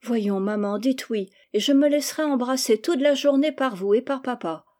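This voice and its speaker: A spoiled, willful little girl pleads and demands in a raised, whiny voice. Her tone stays soft and mellow despite the insistence, as a woman reader puts her on. The reading is an audiobook. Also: on the high side, normal speed, close to an everyday voice. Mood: pleading.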